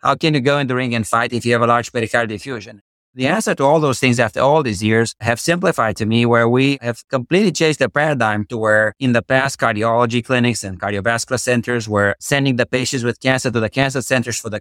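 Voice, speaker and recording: Middle-aged Romanian-accented man, passionate expert guest, mid pitch, dry close mic. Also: a bit bright, dry recording. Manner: passionate, uses boxing analogies, rhetorical questions. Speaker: guest cardiologist. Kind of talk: podcast interview, expert explanation.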